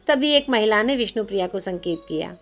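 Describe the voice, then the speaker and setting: A woman storyteller narrates a devotional tale in a gentle, expressive voice, her pitch sitting in an ordinary middle range. The audio is slightly muffled and lacks crispness. Soft music plays faintly underneath her reading. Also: a little fast.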